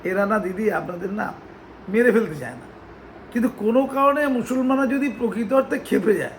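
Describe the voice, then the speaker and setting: A man's voice: sits high, a little fast, a little hiss or hum, poor audio. A man giving a mocking, sarcastic political commentary monologue.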